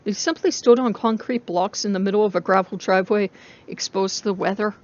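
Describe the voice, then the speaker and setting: A woman with a medium-pitched voice narrates a story as a dramatic reading. The recording sounds somewhat muffled and lo-fi. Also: fairly quick.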